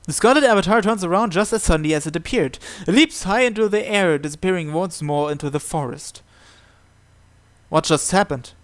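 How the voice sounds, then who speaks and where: A man with a high voice reads a visual novel aloud, delivering dramatic first-person narration. His style is theatrical and deliberate, built from short phrases.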